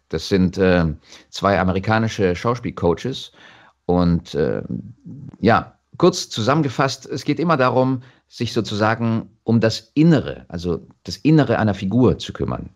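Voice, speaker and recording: Speaking on the low side, a German-accented man talks reflectively as a guest in an interview, pausing thoughtfully and starting his phrases over.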